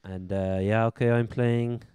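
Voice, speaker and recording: A man's voice: lowish voice, steady tone, measured pace, dark tone, clear, resonant tone, no echo. An Irish man with a Cork accent, co-hosting a sports podcast in a casual, chatty way. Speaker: podcast co-host. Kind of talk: casual chat.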